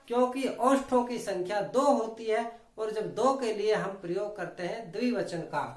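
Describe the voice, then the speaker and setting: Slow, deliberate woman teaching grammar. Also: a little high, reverberant. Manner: slow, deliberate, demonstrates sounds aloud one by one. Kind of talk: exam-prep grammar lesson.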